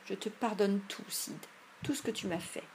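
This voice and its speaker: A whiny boy from a storybook groans and complains as if he were gravely ill, as a woman reads him. His voice sits at an everyday pitch, plaintive and drawn out, with a faint hiss behind it. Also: moderate pace, darkish tone, natural voice. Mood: whimpering.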